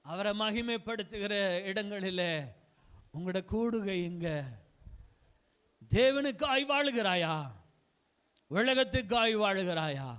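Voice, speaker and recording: High-voiced fervent male preacher. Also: slow, long pauses, a bit bright, clean tone. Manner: fervent, repetitive pleading with listeners; calls on God with repeated appeals. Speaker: pastor. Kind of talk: sermon and closing prayer.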